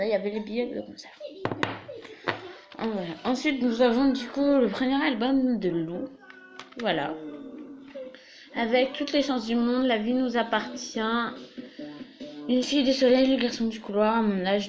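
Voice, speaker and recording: In a small room, a young woman with a mid-range voice shows her fan collection to the camera in a casual show-and-tell. She's chatty and leans heavily on fillers like "voilà" and "du coup," and the audio sounds dull.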